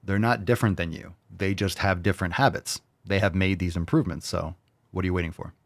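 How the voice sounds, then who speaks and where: A man's voice: deep voice, steady tone, quick pace, gravelly, no echo, studio quality. Blunt, profane man in his forties. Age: 40s. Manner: blunt, profane, pushy motivator. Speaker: fitness show host. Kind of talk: motivational livestream talk, reading viewer comments.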